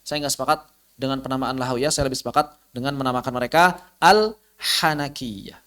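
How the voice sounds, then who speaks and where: A man teaching Quranic recitation, explaining and slowly repeating letter sounds to demonstrate them. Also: mid-range voice, fairly bright tone. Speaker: tajwid teacher. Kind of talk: recorded lesson on Quranic pronunciation.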